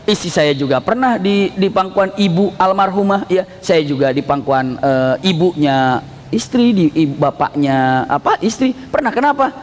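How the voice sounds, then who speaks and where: Male preacher, very high-pitched, lively and questioning, echoing hall. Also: moderate pace, slight background noise. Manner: animated, questions the audience, acts out dialogue. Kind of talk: storytelling sermon. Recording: echoey hall.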